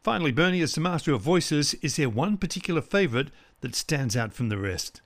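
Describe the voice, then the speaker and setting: Male podcast host, slightly raised pitch, lively questioning. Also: fairly quick. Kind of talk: interview questions.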